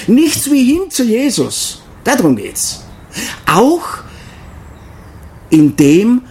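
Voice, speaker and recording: Gravelly older man preaching earnestly. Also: medium pitch, darkish tone, a little hiss or hum. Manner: earnest, with slow emphatic stresses. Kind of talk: devotional talk.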